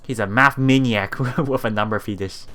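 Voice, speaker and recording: Reading visual novel text during a let's play, a medium-pitched, slightly bright-voiced man halts, trips over words, fixes his mistakes and tosses in offhand comments.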